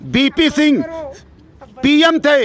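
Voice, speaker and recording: A man with a very high voice speaks fiercely in a public political debate. He is defiant and repeats key phrases to drive his points home. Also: very animated, slow pace, fairly bright tone. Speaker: debate participant. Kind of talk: heated political street debate.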